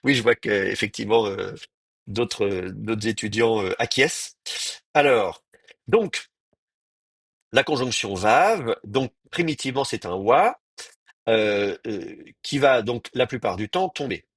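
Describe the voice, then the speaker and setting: A man teaching an online class, explaining slowly and thinking aloud, with frequent pauses and restarts. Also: fairly low pitch, lively intonation, a bit bright, breathy edge, no room sound. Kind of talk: live online class lecture.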